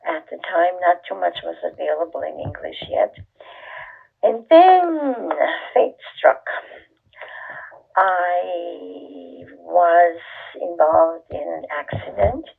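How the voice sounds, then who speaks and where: An older woman from Austria, talking slowly and thoughtfully as an interview guest, softly and breathily at times. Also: fairly low pitch, expressive, gravelly, slightly rough. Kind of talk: conversational interview. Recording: tinny phone line.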